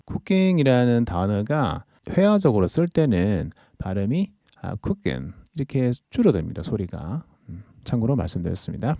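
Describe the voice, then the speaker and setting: A male teacher walks listeners through idioms at an unhurried pace. His voice is mellow and low, with a lively rise and fall. The sound is dry and close. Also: vocal fry, no echo. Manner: explains idioms slowly, switching to careful English readings. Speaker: English teacher. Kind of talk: podcast English lesson.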